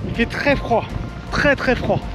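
Music plays loudly under this young man's very high, unhurried voice as he vlogs to camera from a snow-covered, wind-battered cape and then from a van after dark. He yells over the strong wind to his viewers, "les gars," the handheld camera's mic roaring with gusts.

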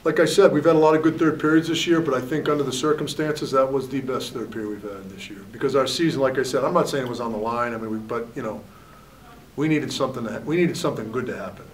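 Speaking quickly at medium pitch, a hockey head coach in his forties gives candid postgame answers in a press room with a backdrop, peppering them with "you know." A table mic sits at a distance, picking up a little hiss or hum.

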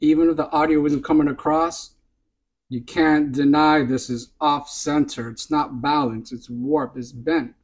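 A man's voice: fairly high pitch, steady tone, measured pace, low-quality recording. A man hosting a hobby video, demonstrating a part up close and insistently repeating short pointers to look and see. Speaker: RC hobby channel host. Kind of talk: hands-on demonstration to camera. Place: indoors at a workbench.

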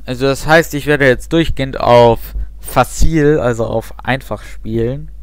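A young adult man hosts a let's play, chatting casually over his game and rambling with self-mocking asides. His mid-range voice is smooth and a little slow, with no room sound.

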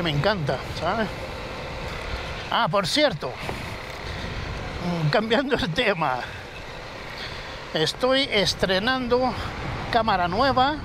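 A man's voice: sits high, animated, takes it slowly, long pauses. A man from southern Spain, chatting casually and telling a story with swearing while riding a motorbike at night, recorded on a helmet camera. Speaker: motovlogger. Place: outdoors on a motorcycle at night, city streets. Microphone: helmet-mounted action camera. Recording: loud street and engine noise. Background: traffic and city street noise.

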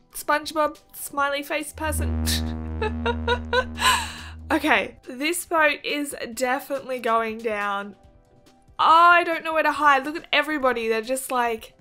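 A young woman giving chatty, excitable game commentary, gasping and giggling as she reacts. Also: high-pitched. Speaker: gaming video host.

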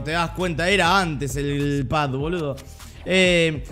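A young Argentine man streaming a game live, chatting in slang, repeating himself and breaking into sudden loud outbursts. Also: sits high. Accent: Argentine Spanish. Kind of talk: live gameplay streaming chat.

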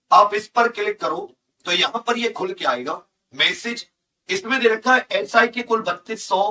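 In an indoor teaching studio equipped with a large digital board, a man who works as an online coaching teacher walks students through job vacancy notices. His voice is high-pitched and sharp, picked up by a distant mic, and he teaches emphatically, going over key figures and points repeatedly.

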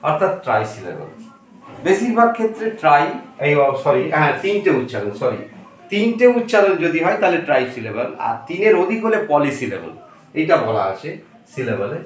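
A man teaching English grammar in a slow lesson, repeating words and spelling them out letter by letter. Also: fairly high pitch, sing-song. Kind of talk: slow classroom-style lesson. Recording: very echoey room, distant mic.

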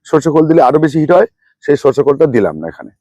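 A man's voice: a little high, very animated, rapid-fire, mellow, no echo. A middle-aged man, hosting a gardening channel, who walks through a fertilizer mix and names and repeats each ingredient and amount as he goes. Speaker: rooftop gardening channel host. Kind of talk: hands-on gardening demonstration.

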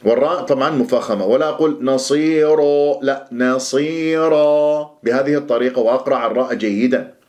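A man with a medium-pitched voice teaches a lesson on Quran recitation. He lays out each rule in a plain, everyday teaching tone, then slows down considerably to recite phrases with careful precision.

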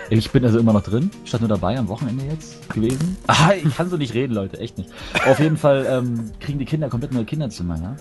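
A joking gamer dad plays a let's play with casual banter, teasing and rambling as he goes. His male voice is medium-pitched, animated and brisk, heard over voice chat with faint background music.

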